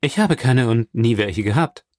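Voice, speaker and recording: A man voicing a proud, sharp-tongued middle-aged baroness in an audiobook, brisk and haughty. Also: medium pitch, animated, no echo, clean studio sound, lightly acted.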